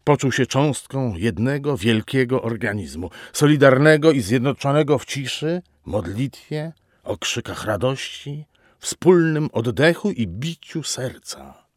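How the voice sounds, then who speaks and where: A man reading a novel aloud as narrator, telling it in a slow, expressive way with dramatic pauses. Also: medium pitch, dry recording, studio quality. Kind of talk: audiobook narration.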